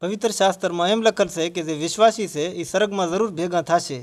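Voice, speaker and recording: A man's voice: high-pitched, quick pace. A man in a scripted religious dialogue, earnestly explaining his faith to a grieving villager.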